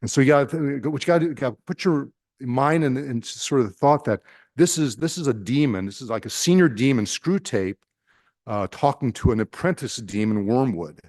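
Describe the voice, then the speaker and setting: A priest with a Nebraskan accent giving an informal retreat talk to a group, halting with many fillers and restarts and asking the room questions. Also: male voice, mid-range voice, animated, a little mellow, no room sound.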